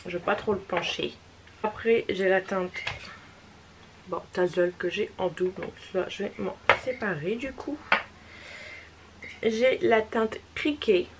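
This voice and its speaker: A woman's voice: medium pitch, a little slow, pauses often. Casting: chatty woman vlogger, casual haul, faint hiss behind. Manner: chatty, repeats "voilà" often, apologetic. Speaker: beauty vlogger. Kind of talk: casual makeup haul vlog.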